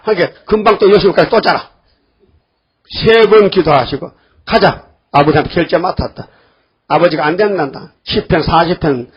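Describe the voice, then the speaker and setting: An older man preaching a sermon in a church, lively and acting out the voices of the people he quotes. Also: sits high, breathy edge, muffled recording. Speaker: pastor.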